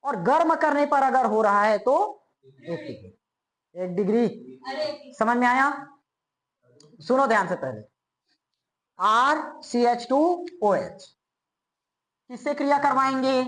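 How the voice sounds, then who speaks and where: Fairly high-pitched woman lecturing on chemistry. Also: animated, slow, pauses often, fairly bright tone, poor audio. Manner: asks students repeated check questions and answers them herself. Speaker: chemistry teacher. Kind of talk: classroom lecture.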